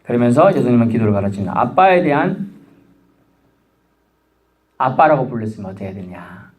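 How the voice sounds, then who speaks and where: Animated Korean pastor preaching. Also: male voice, medium pitch, brisk. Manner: animated, acts out a child's pleading voice. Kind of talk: sermon.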